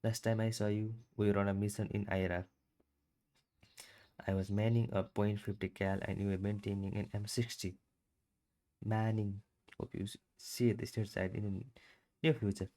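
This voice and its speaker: A man reading a book aloud for his channel, in a halting, stumbling way with restarts. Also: lowish voice, little pitch movement, mellow.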